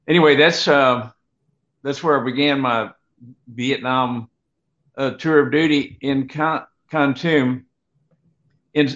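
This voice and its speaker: A man in his seventies reminiscing as a veteran in a halting, unhurried, rambling grandpa storytelling way. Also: medium pitch, fairly bright tone. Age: 70s. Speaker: guest, Vietnam veteran. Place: home room, on a video call. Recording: dull, lo-fi video call audio.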